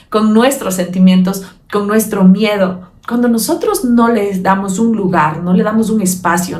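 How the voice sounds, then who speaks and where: A woman hosting a motivational podcast who speaks emphatically and warmly calls the listener "my love.". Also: mid-range voice, reverberant, far from the mic. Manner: emphatic, addresses listener as "mi amor". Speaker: podcast host.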